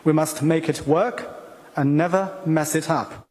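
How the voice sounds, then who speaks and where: A man's voice comes through as a live interpreter, translating a leader's speech line by line in a measured, formal way. He sits a little high for a man, and the sound reaches the mic from across a big ballroom, with a long reverb trailing each phrase. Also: steady tone, a little mellow. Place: large banquet ballroom. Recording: reverberant hall audio from far off.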